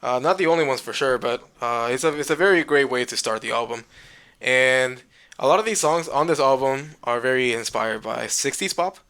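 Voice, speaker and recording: A man with a bright, forceful voice talks loosely about records. He keeps stopping and restarting, full of ums and likes, in easy podcast chat. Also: mid-range voice, normal speed. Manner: rambling, many fillers and restarts. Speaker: podcast co-host. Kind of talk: casual music chat.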